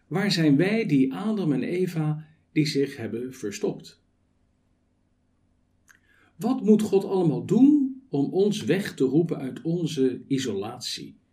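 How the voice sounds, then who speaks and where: A man preaching a sermon with a fairly high, mellow voice that rises and falls with a lot of movement. He speaks very slowly and deliberately, stacking rhetorical questions and measured lists.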